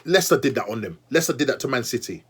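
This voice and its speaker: A young man reviewing a football match as a fan, exasperated and animated, repeating himself and talking straight to the manager. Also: medium pitch, very fast, breathy edge. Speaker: football fan channel host.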